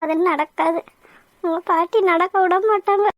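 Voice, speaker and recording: Lady doing a scared crying young woman in a cartoon, super high squeaky voice. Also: steady tone, normal speed, loud music behind the voice. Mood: tearful. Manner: tearful, despairing. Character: young woman, rescued and tearful, fearful.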